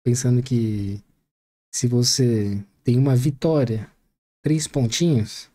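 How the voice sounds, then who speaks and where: A man's voice: medium pitch, takes it slowly, mellow. A man hosting a reaction video, making jokey, chatty asides about a press conference. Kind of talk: casual joking commentary.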